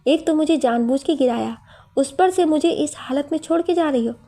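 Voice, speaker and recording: A woman's voice: high-pitched, moderate pace, dark tone. A woman voicing an injured young man who complains and makes demands. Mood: complaining.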